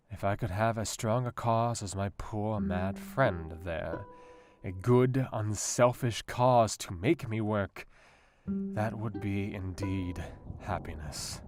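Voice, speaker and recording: Doctor Seward, low-voiced brooding Victorian doctor. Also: male voice. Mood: heartsick. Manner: measured, brooding, formal diction. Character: brooding Victorian asylum doctor, melancholy and intellectual. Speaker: actor in an audio drama. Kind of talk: dramatic diary monologue, radio play. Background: guitar music.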